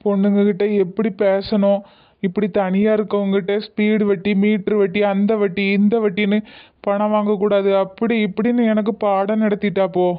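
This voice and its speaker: An actor voicing an older village moneylender, talking in an earnest, pleading way. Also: male voice, high voice, little pitch movement, normal speed, natural voice. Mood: remorseful. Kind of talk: cartoon voice acting. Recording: tinny phone-like audio.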